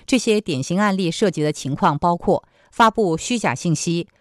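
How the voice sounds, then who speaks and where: A woman news presenter with a slightly low voice reads scripted news and commentary. The sound is close and dry, with hardly any room. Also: normal speed, no room sound.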